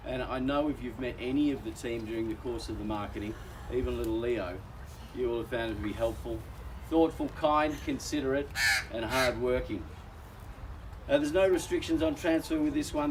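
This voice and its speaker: An Australian man running an outdoor house auction talks genially to the crowd, calling them "folks," his voice weakened after a recent chest infection. His mid-range voice has a darkish tone. He's far from the mic, and the poor audio carries a little hiss or hum.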